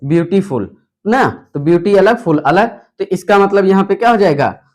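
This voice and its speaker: A man's voice: sits high, lively intonation, brisk. A young male English teacher, explaining grammar rules at a whiteboard and answering his own rhetorical questions. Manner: repetitive, asks rhetorical questions then answers them.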